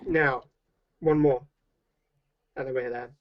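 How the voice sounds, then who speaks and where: A man's voice: medium pitch, steady tone, slow, dull audio. A man, a youth pastor, hosting a playful game show over a video call, teasing the others and handing out points. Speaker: youth pastor, stream host. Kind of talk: casual group chat, game hosting.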